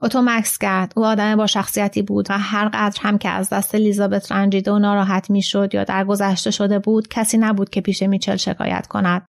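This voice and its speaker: A woman narrating a literary short story in an even, steady reading. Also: medium pitch, creaky, few pauses. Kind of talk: scripted narration.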